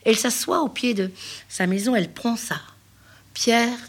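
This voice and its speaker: Female storyteller, husky, rhythmic oral tale with whispered passages. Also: on the high side, normal speed. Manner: rhythmic, repetitive telling with hushed whispers.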